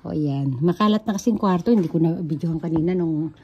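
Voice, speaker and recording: A woman's voice: deep voice, fast talker, muffled recording. Chatty woman touring a hotel. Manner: chatty, calls to her child, points things out. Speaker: travel vlogger. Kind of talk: casual hotel tour vlog. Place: hotel lobby and halls, indoors. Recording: handheld camera, noisy background.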